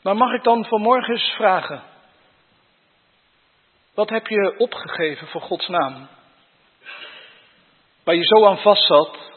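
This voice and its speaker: Husky high-voiced preacher in church reverb. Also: male voice, slow, long pauses. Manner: earnest, probing rhetorical questions to the congregation. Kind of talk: sermon. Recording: dull sound with long church reverb.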